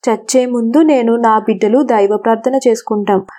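A woman voicing a meek mother goat pleading with a wolf, spoken slowly. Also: a little high, fairly even intonation, mellow, lightly acted.

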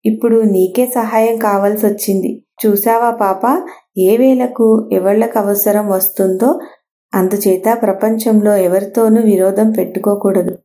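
Woman doing the wind from a kids story, preachy and wise, mellow voice. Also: medium pitch, fairly even intonation, a little slow, close to an everyday voice. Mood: lecturing. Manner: lecturing, moralizing. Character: wise scolding wind spirit.

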